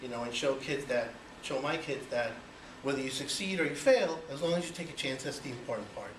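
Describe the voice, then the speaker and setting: Brisk and a bit bright, a medium-pitched man from Cuba, in his forties, delivers a personal icebreaker speech. He speaks conversationally to the audience, leaning on rhetorical questions and repeated "you know"s. The sound is distant, noisy, and echoey.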